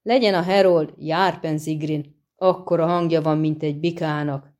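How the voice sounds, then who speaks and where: A woman doing a curt, gruff warrior man. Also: low voice, steady tone, a little mellow, close to an everyday voice. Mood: dismissive.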